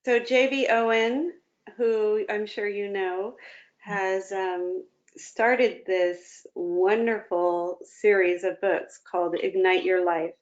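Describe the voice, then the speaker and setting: Over a remote video call with dull, lo-fi audio, a woman speaks as an interview guest in a casual, reflective and encouraging way about personal matters. Her medium-pitched voice stays fairly even and slow.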